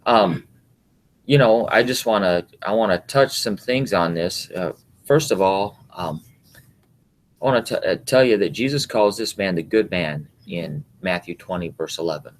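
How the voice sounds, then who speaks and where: A middle-aged man, co-hosting a casual chat with his wife, talking in a rambling, halting way with many fillers. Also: low voice, slight background noise. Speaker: podcast co-host, husband. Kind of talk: casual chat about scripture and work.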